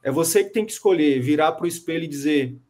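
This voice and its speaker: An emphatic, motivational man coaching a client over a video call. His voice sits a little high for a man, and he hammers his points home by repeating key phrases. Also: fast, a little mellow. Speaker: mentor. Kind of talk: online coaching consultation.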